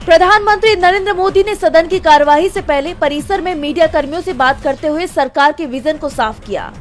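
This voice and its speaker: A woman with a high voice reads a scripted news package as its reporter. Faint music plays behind the narration. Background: music bed.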